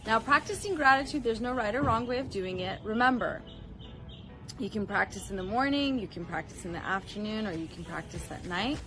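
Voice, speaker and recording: A woman leading a guided gratitude practice with calm, encouraging breathing instructions. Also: medium pitch, a little fast, over music. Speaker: wellness instructor.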